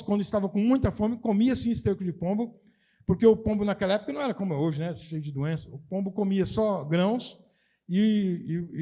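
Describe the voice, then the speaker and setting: A middle-aged Brazilian pastor preaches in a notably high voice. He explains the text emphatically and comes back to key phrases again and again. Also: darkish tone. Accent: Brazilian Portuguese. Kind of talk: sermon.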